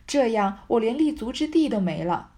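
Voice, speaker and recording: A woman voicing a wayward young man who apologizes in a wheedling, drawn-out way. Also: on the high side, expressive, dark tone. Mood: fawning.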